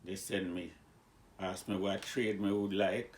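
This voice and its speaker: A man in his nineties with a Jamaican accent, slowly and haltingly telling his life story, searching for words. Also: low voice, level tone, a little hiss or hum. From born in Cuba, raised in Jamaica. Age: 90s. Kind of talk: casual interview.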